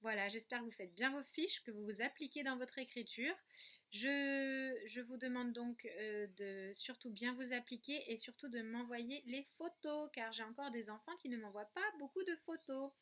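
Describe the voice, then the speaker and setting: A woman teaching a remote kindergarten lesson, speaking slowly and clearly and breaking words into syllables. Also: a little high, pushed and bright. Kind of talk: remote lesson for young children. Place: outdoor terrace at night.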